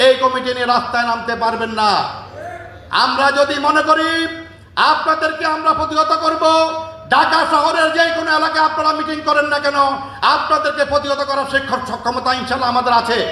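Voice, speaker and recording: A man's voice: very high voice, flat delivery, fairly quick, echoey room. A man giving a fiery, repetitive political speech at a protest rally. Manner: forceful, repetitive, threatening.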